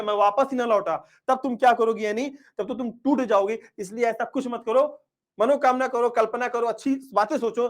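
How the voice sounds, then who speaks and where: A teacher acting out a pleading young lover. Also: male voice, very high-pitched. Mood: earnest. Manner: tender, pleading, earnest.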